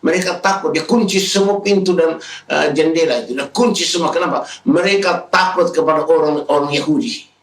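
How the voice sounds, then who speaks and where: Male pastor preaching in a big church, slightly high voice, roomy sound. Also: fairly quick, far from the mic. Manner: preaching, retells scenes in raised voices. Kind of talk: sermon. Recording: echoey hall, speaker away from the mic.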